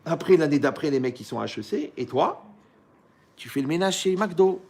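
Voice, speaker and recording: A male rabbi with a somewhat high, gravelly voice teaches a Torah lesson to young listeners. He talks in a colloquial, animated way, telling little stories and checking in with rhetorical questions. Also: normal speed.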